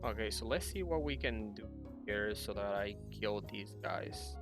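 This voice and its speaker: Game music plays as a young man records YouTube commentary at a computer indoors. He speaks in a lowish voice with lively intonation at a measured pace, explaining things and musing aloud as he plays.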